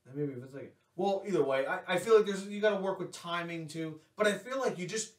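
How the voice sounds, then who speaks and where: Excitable rambling man, roomy distant sound. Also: high voice, brisk. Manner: excitable, rambling, lots of restarts and swearing. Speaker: podcast co-host. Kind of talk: casual sports chat. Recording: echoey room, distant from mic.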